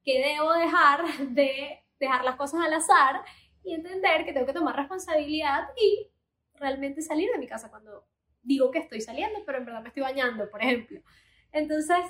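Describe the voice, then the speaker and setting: A woman's voice: high voice, pushed and bright, roomy sound. A woman in her thirties giving earnest, encouraging life lessons in a confiding personal monologue. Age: 30s. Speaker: motivational vlogger.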